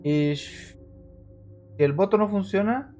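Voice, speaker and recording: A man streaming a horror game, chatting to his viewers and getting jumpy and excitable, yelling when scared. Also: sits high, takes it slowly, soft background music. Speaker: gaming streamer. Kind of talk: let's-play commentary.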